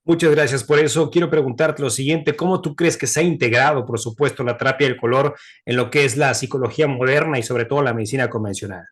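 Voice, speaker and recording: A man's voice: medium pitch, quick pace, few pauses. A man hosting a podcast, asking long, framed questions and politely thanking his guest. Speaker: podcast host.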